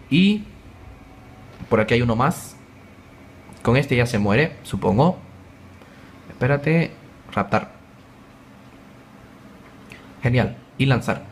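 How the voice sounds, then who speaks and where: Young male gaming host, chatty and excitable, average pitch, faint background hiss. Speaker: gaming YouTuber. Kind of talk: let's play commentary.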